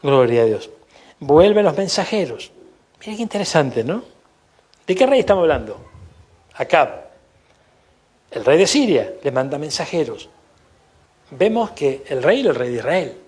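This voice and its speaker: A man's voice: a little high, very animated, unhurried, long pauses, a little mellow, husky. A man with an Argentine Spanish accent preaching a sermon as pastor, emphatic, with frequent asides of praise.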